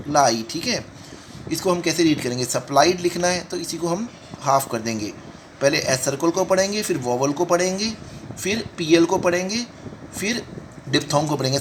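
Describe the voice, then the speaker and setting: Brief: male shorthand tutor, a bit higher voice, patient and repetitive, faint hiss behind. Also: poor audio. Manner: explains while writing, repeating each word slowly. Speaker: shorthand teacher. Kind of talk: step-by-step lesson talk in Hindi-English mix.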